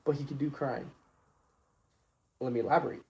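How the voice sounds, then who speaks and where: A young man co-hosting a podcast, casually pitching silly superhero ideas and teasing his friend. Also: steady tone, normal speed, vocal fry, warm tone. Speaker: podcast co-host. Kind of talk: casual comedic chat.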